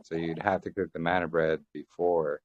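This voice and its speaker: A man's voice: low-pitched, level tone, normal speed, dry recording. A man on a thin, fading call line, joining a Bible study discussion and explaining points at length while quoting scripture and restarting his phrases. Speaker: Bible study group member. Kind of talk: casual group discussion on a call. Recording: dull, dry lo-fi call audio.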